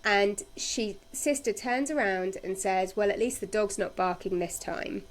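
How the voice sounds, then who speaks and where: A woman hosting a podcast, retelling soap episodes in a casual, chatty way with animated storytelling. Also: mid-range voice, unhurried. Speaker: podcast host recapping a soap. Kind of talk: casual chat.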